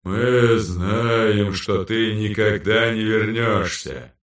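Guy doing dead cold spirit voice thru a possessed man, echoey demonic double voice, real slow, far off. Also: on the low side. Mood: cold, detached. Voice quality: cold, colorless, dead-sounding. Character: ancestral spirits speaking through a possessed man, cold and lifeless. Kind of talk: audiobook character voice.

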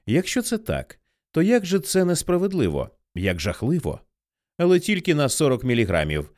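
A man narrating an audiobook in an expressive storytelling manner. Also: on the high side, moderate pace. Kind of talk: scripted narration.

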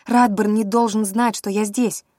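A woman's voice: fairly low pitch, moderate pace, no room sound, studio quality, close to an everyday voice. A woman voicing a fierce, defiant young witch heroine with an urgent, fiery delivery.

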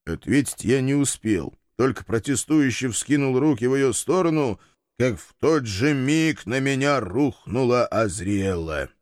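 A man's voice: medium pitch, expressive, measured pace, no echo. A man narrating a first-person audiobook in a wry, dry storytelling manner.

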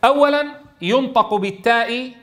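A man teaching Quran recitation to a class, quizzing students and sounding out letters slowly. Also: very high voice, a bit bright. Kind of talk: classroom tajweed lesson.

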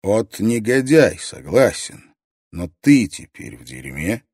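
A man's voice: lowish voice, slow, gravelly, slightly rough, no room sound, studio quality, heavily acted. A man voicing a stern male sergeant who barks orders and speaks with cold authority. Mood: commanding. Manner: barking orders, then cold calm.

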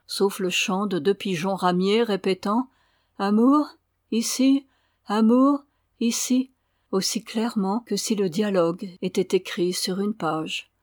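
A woman's voice: medium pitch, steady tone, moderate pace, hardly any pauses, dry recording, clean studio sound. Woman reading an audiobook. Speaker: audiobook reader. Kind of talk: audiobook narration.

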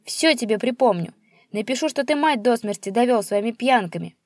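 A woman's voice: a little slow, dark tone, breathy edge, dry recording, clean studio sound. A woman voicing a spiteful old male pensioner who screeches and jeers at his son. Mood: shrieking. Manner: shrill, screeching, jeering.

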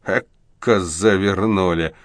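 A man's voice: deep voice, slow, no echo, studio quality. A man voicing a stern, suspicious secret-police agent who barks curt orders, in an audiobook.

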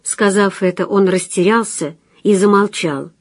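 Calm and measured, a woman with a mid-range voice narrates a scripted romantic story for an audiobook. The sound is clean studio audio without any echo.

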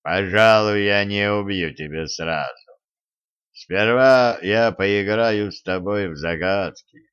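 Voicing a giant male stone monster, a male audiobook narrator rumbles threats in a low, booming, hollow voice, stretching each word out slowly and mockingly. The mood is menacing, and his tone is clear, resonant and a bit bright, though the recording itself sounds dull and lo-fi.

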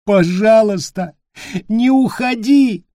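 A man voicing a terrified little boy who pleads and wails loudly. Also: on the high side, slow, breathy edge, no room sound, studio quality, pitched above the performer's own voice. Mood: wailing. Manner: pleading, wailing, loud.

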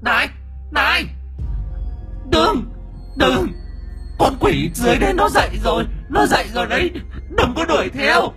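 A man voicing a small, cowardly shadow ghost who cries out in shrill pleas. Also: lively intonation, normal speed, long pauses, pushed and bright, soft background music, full character voice. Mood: frantic warning.

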